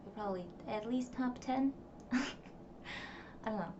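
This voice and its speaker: With a rather high voice and a measured pace, a young woman whose first language is Russian wanders through her thoughts in a casual diary vlog to camera, using lots of fillers. The recording, made at home, is distant, dull and noisy.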